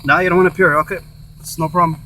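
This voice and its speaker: A man hosting a paranormal session in casual, halting talk, repeating himself and breaking off phrases. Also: high voice, steady tone, bright, forceful tone, low-quality recording. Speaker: host of a paranormal spirit box session. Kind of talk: casual rambling vlog talk, addressing spirits and viewers. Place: in or beside a car. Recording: faint hum and noise.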